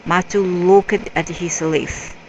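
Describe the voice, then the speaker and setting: Woman narrator, reads a story slowly and haltingly, lowish voice. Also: steady tone, a little mellow, dull audio, slight background noise. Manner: halting, spells out word endings letter by letter. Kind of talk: reading a story aloud.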